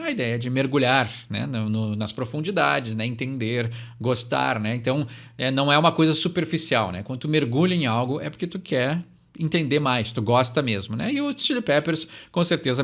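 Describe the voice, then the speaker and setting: A man's voice: medium pitch, fairly bright tone. A young man, hosting a channel and casually explaining song lyrics, thinking aloud and ending phrases with tag questions.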